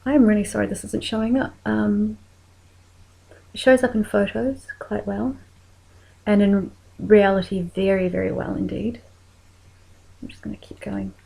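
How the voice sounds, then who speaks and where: A woman with a New Zealand accent talking through a makeup tutorial in a soft voice that often drops to a whisper while she works. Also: mid-range voice, steady tone, unhurried, creaky, pauses often, breathy edge, poor audio.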